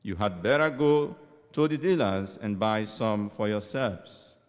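A priest reading the gospel and preaching a homily in a measured, deliberate way, his voice ringing through a large church with a long echo. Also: fairly low pitch, lively intonation.

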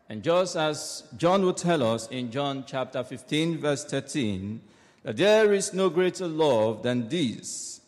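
A man reading the gospel at Mass and preaching a homily in a slow, measured, solemn way, with a cathedral echo. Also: medium pitch. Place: large church. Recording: long echoing church reverb.

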